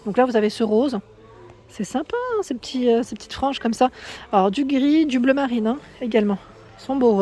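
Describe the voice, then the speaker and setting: A woman's voice: fairly high pitch, warm tone. A woman vlogging casually as she walks through a shop, chatting and asking viewers what they think. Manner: chatty, asks viewers for opinions. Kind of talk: casual store walkthrough vlog. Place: inside a shop.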